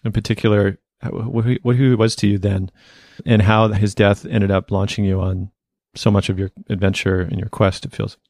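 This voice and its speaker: A male podcast host with a fairly low voice who asks his questions haltingly, searching for words. The recording is dry and close, with no room sound. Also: level tone, a little mellow, dry recording. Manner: hesitant, searching, many fillers. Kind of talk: interview questions.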